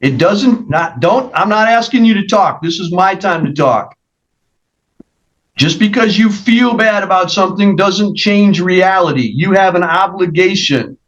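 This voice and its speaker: A man's voice: high voice, animated, unhurried, fairly bright tone, highs cut off. A man serving as judge in a virtual court hearing, talking in a stern, firm, lecturing way.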